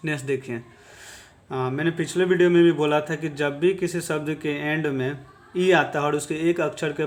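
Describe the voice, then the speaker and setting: A man teaching English reading, spelling out letter sounds and repeating each word patiently. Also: on the high side. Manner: repetitive, patient drilling. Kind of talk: phonics lesson.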